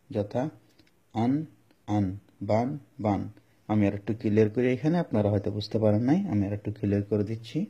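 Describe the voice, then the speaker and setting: In a step-by-step recitation lesson, a man with a Bangladeshi Bengali accent patiently goes over each Quran-reading rule, repeating it several times and chanting drawn-out Arabic examples. His voice sits on the low side, mellow and slightly rough.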